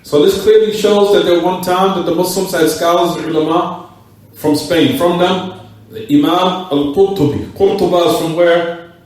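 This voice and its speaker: A man's voice: high voice, steady tone, normal speed, a little mellow, far from the mic. A man teaching a class in a mosque, repeating key words and putting questions to his students. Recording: echoey room, voice from off the mic.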